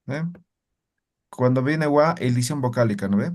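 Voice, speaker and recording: A man's voice: mid-range voice, moderate pace, darkish tone. A man teaching a language class, patiently correcting pronunciation and often checking that he is understood. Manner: patient, with frequent checking tags. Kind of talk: online class instruction.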